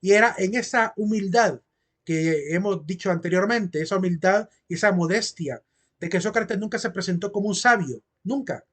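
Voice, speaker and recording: A man gives a philosophy lecture to his class in a fairly high voice. He explains at length, circles back over his points and keeps asking whether they follow. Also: normal speed, fairly bright tone. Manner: explanatory, repeats phrases and asks "¿verdad?". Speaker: philosophy teacher.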